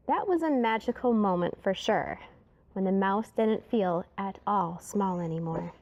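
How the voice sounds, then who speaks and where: In an unhurried, medium-pitched voice, a woman reads a rhyming children's story with expressive drama, dropping to a hush at times. A slight hiss or hum runs under the audio.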